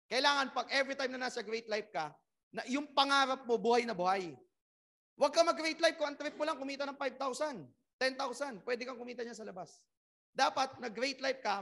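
A young man with a bright, high voice delivering a motivational business orientation. He keeps firing rhetorical questions at his listeners and swings up loud and emphatic on his key points. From Philippines. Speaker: network marketing trainer. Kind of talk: motivational orientation talk to a crowd.

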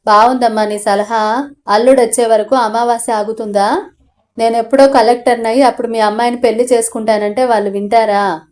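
A woman's voice: fairly high pitch, fairly even intonation, brisk, a little mellow, close to an everyday voice. Woman reading as a stubborn, sulky young son. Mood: insistent. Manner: insistent, sulky. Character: stubborn young man in love, hot-headed son.

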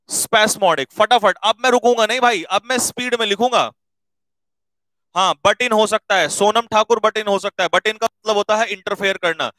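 A man teaching exam vocabulary, brisk and coaxing, repeating words so students can note them down. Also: high voice, pushed and bright, no echo, rough recording. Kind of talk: exam-prep video lesson.

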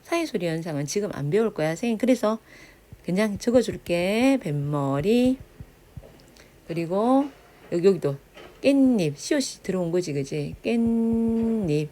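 A woman teacher explains grammar to middle schoolers in a lively, rising and falling voice. Her tone is mellow and rather low, and she keeps checking that the class follows. She stretches out example words slowly as she sounds them out. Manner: checks understanding with frequent tag questions. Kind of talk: grammar lesson lecture.

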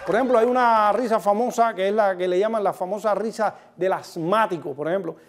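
A Cuban comedian hosting, delivering a stand-up monologue, joking and speaking straight to the audience while acting out different kinds of laughter. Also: male voice, high voice, a little fast. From Cuba. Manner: joking, addresses the audience directly. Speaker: comedian host.

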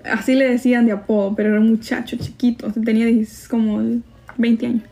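Speaking fast in a fairly high, warm voice with flat delivery, a young Salvadoran woman hosts a relaxed live-stream chat. She reads viewers' comments aloud and answers them with gossip and easy laughter. Her accent is Salvadoran Spanish touched with Mexican.

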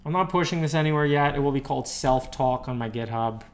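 A man's voice: medium pitch, fast talker, a little hiss or hum. Rambling man live-coding at his keyboard. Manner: rambling, muttered asides to himself while typing. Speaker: programmer livestreaming. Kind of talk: casual live-coding commentary. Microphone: desktop USB microphone. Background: faint keyboard typing.

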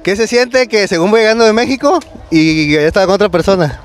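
A man's voice: sits high, expressive, brisk. A young man with a Mexican Spanish accent, a contestant at an outdoor market, talking bluntly and casually.

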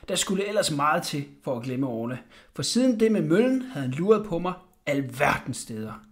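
A man reading a children's bedtime story aloud in an expressive way. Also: on the high side. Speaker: audiobook reader.

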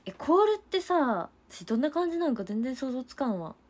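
A woman's voice: sits high, sing-song, brisk. A young woman with a chatting casually to fans on a livestream, giggling often.

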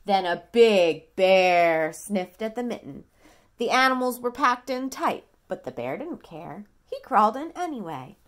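At home in a small, quiet room, a woman in her thirties reads a bedtime picture book to her toddler. She reads dramatically in a mid-range voice with big pitch swings, pausing to prompt the child with simple, childlike questions.

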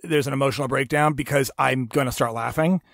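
A man's voice: mid-range voice, steady tone, quick pace, vocal fry, a bit bright, dry recording, studio quality. A man hosting a podcast, chatting casually and animatedly about his kids, acting them out as he tells stories. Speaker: podcast host. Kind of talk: casual chat.

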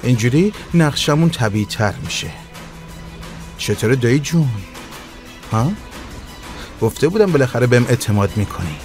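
A smug kidnapper lays out his scheme, voiced by a man in a dubbed drama. His voice sits at an ordinary middle pitch. Faint music plays behind. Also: very animated, pauses often, darkish tone, lightly acted. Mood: smug scheming. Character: scheming kidnapper nephew laying out a plan.

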